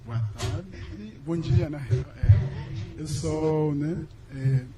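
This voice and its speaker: A man's voice: a little high, very slow, over music, poor audio. A young man from Angola with an Angolan Portuguese accent, an exchange student casually asking a question at a lecture, tagging with "né" and slipping into English. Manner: casual, chatty, tags with "né" and switches into English.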